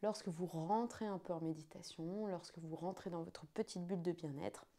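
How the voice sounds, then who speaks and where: A woman's voice: lowish voice, fairly even intonation, moderate pace, warm tone. A woman speaking as a yoga teacher, giving an instructional explanation to students.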